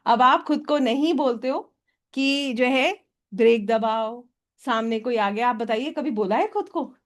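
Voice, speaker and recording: A woman's voice: a little high, measured pace. A woman teaching a hypnotherapy workshop, often checking with her audience for a yes or no. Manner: asks the audience for yes or no, mixing in English phrases. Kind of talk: workshop lecture.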